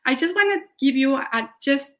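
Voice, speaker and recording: A woman's voice: sits high, animated, moderate pace. A woman with a Mexican accent giving a live baking demonstration, enthusiastic and full of restarts. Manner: warm, enthusiastic, with frequent restarts. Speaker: cooking demonstrator.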